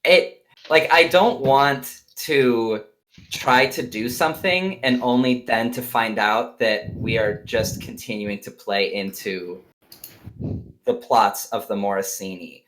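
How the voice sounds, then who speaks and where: A man's voice: medium pitch, slow, fairly bright tone, rough recording. A man talking casually as a player in a tabletop role-playing game.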